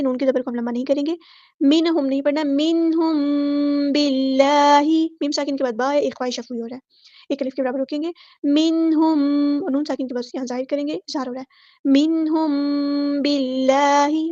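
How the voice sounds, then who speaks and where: Here an Urdu-accented woman teaches the rules of Quran recitation: fast explanations of each rule, followed by slow, loud recitation of each word. She is high-pitched as a tajweed teacher, and the audio has no echo but lacks its highs.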